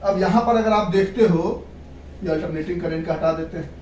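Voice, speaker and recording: Lowish and mellow, this woman's voice moves fairly quickly through a physics lecture, repeating key points, checking understanding and mixing in English terms. It's a classroom recording with echo, background noise and a far-off mic.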